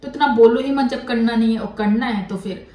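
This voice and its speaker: Woman vlogger, fairly high voice, scolding and opinionated, recorded in an echoey room away from the mic. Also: a little fast, dark tone, far from the mic. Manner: blunt, scolding, mixes English words into Hindi. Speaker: commentary vlogger. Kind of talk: critical commentary on a controversy.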